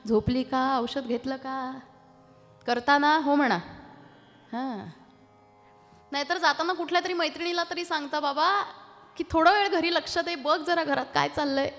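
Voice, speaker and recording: A woman with a Marathi accent performing a devotional kirtan in a temple, a lively talk that breaks into sung verses and teases the audience into answering back. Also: high-pitched, moderate pace, pauses often. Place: temple hall. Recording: reverberant hall with faint music.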